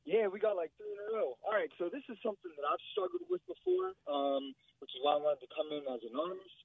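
A man from Maryland calling in to a radio show, talking in an earnest, casual, halting way, his voice muffled as if through a wall. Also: high-pitched, wildly swooping pitch, creaky, breathy edge, no room sound. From Maryland, USA. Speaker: caller. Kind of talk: call-in radio chat. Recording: muffled, tinny phone line.

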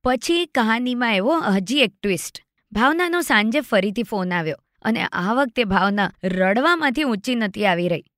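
A woman's voice: fairly high pitch, animated, moderate pace, a bit bright, no echo, clean studio sound. A woman in her thirties hosting a finance podcast, telling a story in a chatty way and acting out the lines of a friend. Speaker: podcast host.

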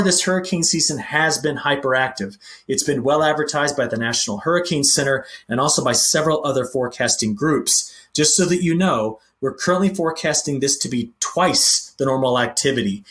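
A man giving an agricultural weather briefing, explaining maps in an animated, pointing way. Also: medium pitch. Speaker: weather forecaster.

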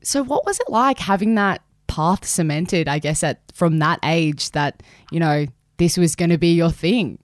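A woman's voice: on the low side, measured pace, no echo, studio quality. A woman hosting a podcast interview, chatty and friendly in her questions. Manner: chatty, many fillers and restarts. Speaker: podcast host. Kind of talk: casual interview.

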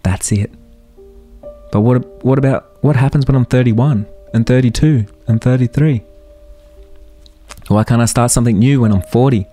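With soft music playing behind him, a thirty-something podcast host speaks earnestly on his solo motivational show, asking one rhetorical question after another. He has a medium-pitched, dark voice, a moderate pace, and frequent pauses.

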